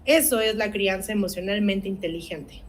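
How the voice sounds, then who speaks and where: A woman's voice: medium pitch, normal speed, low-quality recording. A woman, an academic coordinator leading a parenting workshop, speaking earnestly and asking her audience rhetorical questions.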